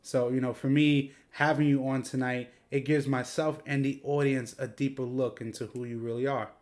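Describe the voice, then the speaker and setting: A man's voice: mid-range voice, level tone, moderate pace, darkish tone. A man hosting a podcast interview, rambling through long questions full of fillers. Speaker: podcast host.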